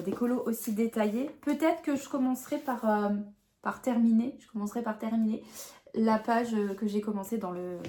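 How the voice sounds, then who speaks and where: A woman's voice: on the high side, a little hiss or hum. A young adult woman chatting casually to camera about her coloring books, talking with frequent fillers and restarts.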